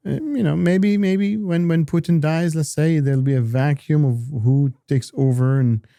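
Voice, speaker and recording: A man talking politics as an analyst in a casual discussion, halting often with repeated words and restarts. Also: fairly high pitch, gravelly, mellow, dry recording, studio quality.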